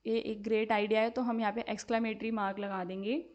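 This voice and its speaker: A woman's voice: fairly high pitch, level tone, a little mellow, lo-fi sound. A woman teacher explaining exam answers step by step, mixing Hindi and English and often checking with her students. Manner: slowly spells out English sentences word by word while dictating. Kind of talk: exam-prep lesson.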